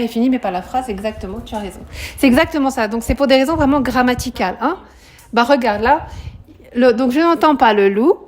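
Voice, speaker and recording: A woman, a high school French teacher, explaining a poem to her students in a live classroom, questioning them often and adding "hein" to her sentences.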